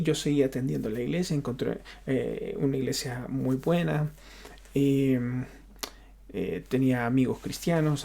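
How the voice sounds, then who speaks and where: Here a pastor from Honduras, accented in Honduran Spanish, recounts his personal testimony off the cuff, with frequent halts and repetitions as he searches for words. The voice is medium in pitch, gravelly, and warm.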